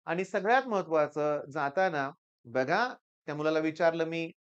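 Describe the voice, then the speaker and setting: Speaking at a moderate pace, this middle-aged male tutor urges students emphatically in an exam-preparation talk and tells stories from his classes. His smooth voice sits fairly high, and the recording has its highs cut off.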